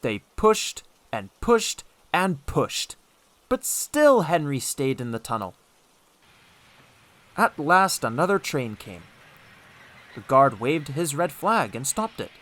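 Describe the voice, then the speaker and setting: Narrating a scripted children's story for an audiobook, a man tells the tale expressively and deliberately. His voice is a little high, and the recording has no echo.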